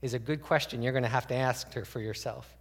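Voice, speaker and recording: A man's voice: medium pitch, steady tone, fast talker, in a large hall. A man preaching a conversational sermon as a pastor, asking the congregation many rhetorical questions. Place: church sanctuary.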